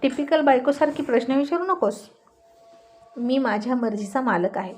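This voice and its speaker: A snappy, irritable young husband, played by a woman narrator in a spoken storybook. He sounds curt and impatient and stammers when cornered, in a fairly high voice. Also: animated, normal speed, a little hiss or hum. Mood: irritated.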